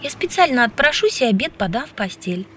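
A woman's voice: a little high, big pitch swings, fairly quick, a bit bright, a little hiss or hum, pitched above the performer's own voice. A woman reading an audiobook, voicing a bold, flirtatious, outspoken woman who teases freely. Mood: teasing. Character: brash, lively flirtatious woman scientist.

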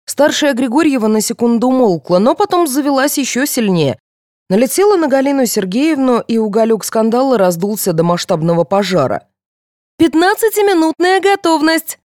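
A woman's voice: fairly high pitch, animated, fairly quick, darkish tone, dry recording, clean studio sound. A woman reading a detective novel aloud as narrator, lifting her voice to act out each character. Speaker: audiobook narrator.

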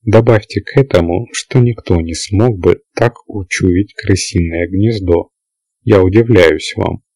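A man reading the lines of a shrewd, seasoned male spaceship trader in an audiobook, in a measured, reasoning way. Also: deep voice, warm tone, no room sound. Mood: puzzled. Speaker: character in an audiobook.

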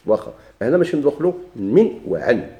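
A man's voice: medium pitch, sing-song, fast, dark tone. A man with a Moroccan Arabic accent teaching a grammar lesson, asking his class questions and answering them himself while he repeats the key points.

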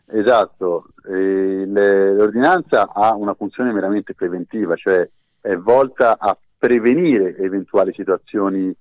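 A man's voice: lowish voice, a little slow, no room sound. A man speaking over the phone as a legal expert guest in a radio interview, explaining in a formal, precise way. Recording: tinny phone line.

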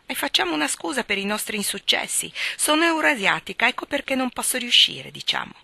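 A woman's voice: high voice, big pitch swings, a little fast, vocal fry, sharp tone, dry recording, pitched above the performer's own voice, heavily acted. A woman reading aloud as a proud, passionate young woman doctor who speaks with arrogant fervor. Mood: fervent. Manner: arrogant, fervent, preaching.

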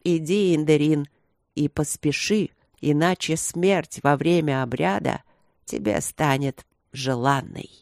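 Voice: mid-range voice, slow pace, vocal fry, dry recording, clean studio sound. A reader voicing a cold, ruthless old emperor who speaks in a hard, curt, commanding tone. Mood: stern.

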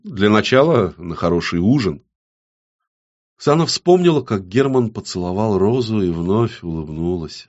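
Low-pitched guy reading an audiobook, measured and intimate, kinda dull lo-fi sound. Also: darkish tone. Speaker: audiobook narrator. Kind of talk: scripted audiobook narration.

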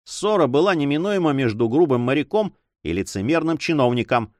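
A man's voice: fairly high pitch, a little fast, no room sound, studio quality. A man reading a novel aloud as an audiobook narrator, telling it expressively. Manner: expressive storytelling.

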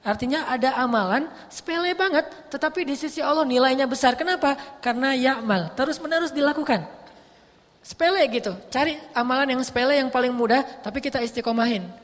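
A man's voice: very high voice, a little fast, a bit bright. A male preacher with a lilt giving a casual evening sermon, playful and acting out little dialogues. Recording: long hall reverb.

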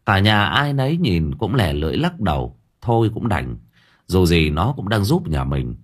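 A man narrating a comic supernatural audiobook in a lively, colloquial way. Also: deep voice, normal speed, slightly rough. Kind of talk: storytelling narration.

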